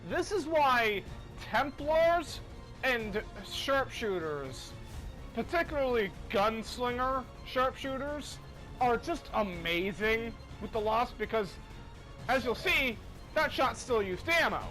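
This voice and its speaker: A man's voice: very high-pitched, big pitch swings, slow pace, bright, forceful tone, poor audio. A man giving casual, rambling, self-deprecating commentary while playing a video game. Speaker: gaming commentator. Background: faint game music.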